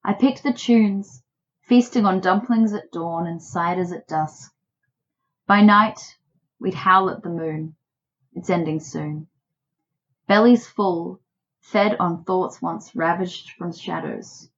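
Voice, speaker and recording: A woman's voice: on the low side, slow pace. Thoughtful woman, muffled home recording. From Australia. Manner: thoughtful, musing. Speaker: poet guest. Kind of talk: reflective conversation and poetry reading. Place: quiet bedroom in an apartment.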